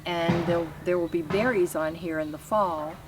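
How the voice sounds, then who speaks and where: A woman talks in a fairly low voice. She explains things plainly and casually, as if showing someone around a garden. It is recorded outdoors, with faint ambient noise behind her. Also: fairly even intonation, normal speed. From Kentucky, United States. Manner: plain, instructive, pointing things out. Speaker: gardener giving a garden tour. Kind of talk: casual narrated garden walk-through.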